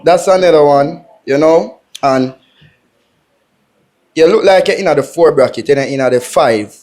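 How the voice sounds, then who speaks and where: A young man from Jamaica with a Jamaican accent, bluntly critiquing a woman on a dating show, teasing and loud at times. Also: on the high side, a little slow.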